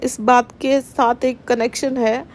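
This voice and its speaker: Woman, middle-aged, devotional testimony, slow and emotional, slightly high voice, faint background hiss. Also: level tone, a little mellow. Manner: emotional, earnest, addresses listeners as sangat ji. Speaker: devotional satsang speaker.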